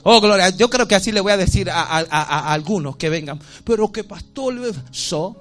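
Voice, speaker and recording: A man preaching a sermon as pastor, chanting and shouting fervently, then dropping to a hush. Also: high voice, a little fast.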